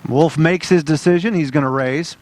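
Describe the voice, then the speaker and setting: A man's voice: on the high side, normal speed, darkish tone. A man giving plain, matter-of-fact play-by-play on a poker tournament. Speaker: poker commentator.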